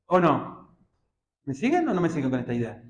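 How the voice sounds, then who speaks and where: Argentine man teaching math, lively and questioning. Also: on the high side, fairly quick, roomy sound, poor audio. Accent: Argentine Spanish. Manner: questioning, checks understanding often, colloquial. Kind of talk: classroom math lecture.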